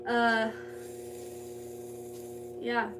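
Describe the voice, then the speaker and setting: This young woman from Southern California speaks very slowly and in a monotone, her voice a little high, as she livestreams from her home pottery studio. She giggles and chats casually, reading viewer comments while shaping clay. A distant mic catches background noise and music playing.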